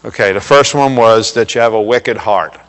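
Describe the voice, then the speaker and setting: A male pastor delivering a sermon in a conversational way, checking in with "okay?" and getting louder and higher for emphasis. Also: normal speed. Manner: rises in pitch and volume for emphasis. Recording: long reverb of a hall.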